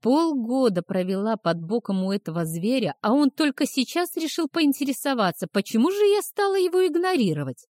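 A woman's voice: fairly high pitch, very animated, a little fast, hardly any pauses, darkish tone, no echo. Woman reading a story, dry and close. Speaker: audiobook narrator. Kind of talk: scripted first-person narration.

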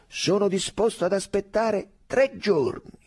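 A man reading aloud, voicing a tipsy, boisterous young male officer who keeps pressing his friend in a loud, jovial way. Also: high voice, a little slow, slightly rough, pitched above the performer's own voice. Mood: insistent.

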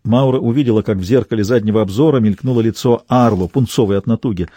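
A man narrating an audiobook with expressive storytelling. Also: lowish voice, fast, no echo, studio quality. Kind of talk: scripted narration.

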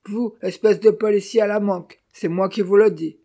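A narrator voicing a sly male servant who speaks in broken pidgin, loud and mocking. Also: medium pitch, steady tone, moderate pace, pitched above the performer's own voice, close to an everyday voice. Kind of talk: audiobook character voice.

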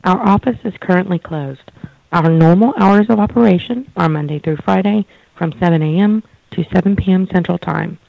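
A man's voice: high-pitched, moderate pace, vocal fry, no room sound. A man's recorded business greeting and menu options, heard over a landline phone line and read formally. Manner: formal, evenly read announcements. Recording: muffled phone line audio.

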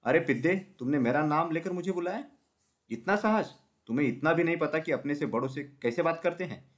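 Man voicing a huge hippo, boastful, scornful, loud, raised pitch, children's story. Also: expressive, normal speed, natural voice. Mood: scornful bullying. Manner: scornful, threatening.

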